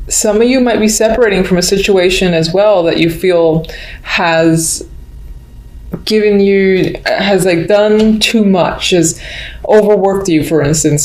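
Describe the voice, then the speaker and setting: A woman's voice: lowish voice, darkish tone. A woman giving an unscripted mystical tarot horoscope reading, musing and thinking aloud as she addresses the listener. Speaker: tarot reader. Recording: roomy echo, background noise, faint clicks.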